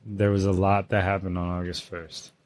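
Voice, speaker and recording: A young man with a lowish voice runs through historical dates in a loose, offhand way, mixing in profanity and "bro." The sound is dry and close to the mic, with no room around it. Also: level tone, moderate pace, a little mellow, no echo. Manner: laid-back, swears freely, says "bro". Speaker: podcast co-host. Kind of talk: casual chat, reading history facts.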